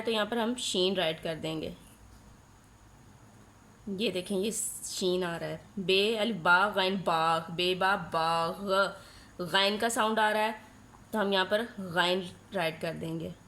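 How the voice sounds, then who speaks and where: A woman teaching a nursery class, spelling out letters and sounds slowly and asking questions she then answers herself. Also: medium pitch, fairly bright tone.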